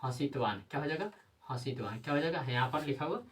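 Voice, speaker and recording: Low-pitched woman teacher, recorded distant from the mic, answering her own repeated questions. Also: animated, fast. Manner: repeats rhetorical questions and answers them herself; frequent tag questions. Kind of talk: grammar lesson.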